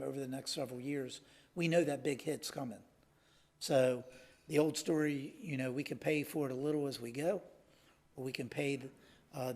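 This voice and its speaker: A man serving as a city council member, explaining local matters at a public meeting in a halting, measured way. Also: mid-range voice, vocal fry, breathy edge.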